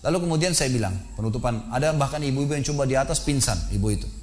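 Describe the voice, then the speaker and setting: A middle-aged male preacher giving a sermon in a mosque, telling a vivid story, his voice rising sharply for emphasis and then dropping low. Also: fast, darkish tone.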